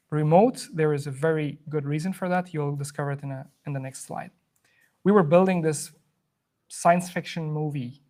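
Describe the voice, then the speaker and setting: A man's voice: a little high, creaky, darkish tone. A man from Afghanistan hosts a live coding workshop to a room, chatty and loose, with many fillers and restarts. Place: room with an in-person audience.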